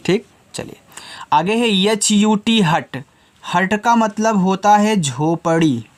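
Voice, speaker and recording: A man teaching a slow, patient phonics lesson to children, spelling each word letter by letter and addressing the learners as children. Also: sits high, animated. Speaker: English teacher.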